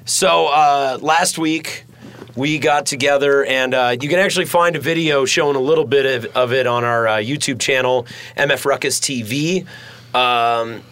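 A man's voice: mid-range voice, fairly even intonation, moderate pace, fairly bright tone, no room sound. Male podcast host, loose rambling chat, swears freely, studio mic. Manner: rambling and profane, many fillers. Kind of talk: casual chat.

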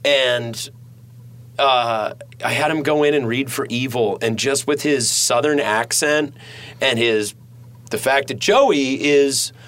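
A male podcast host chats loosely in a studio, rambling, swearing freely and using lots of fillers. His voice is medium-pitched, slow and a bit bright.

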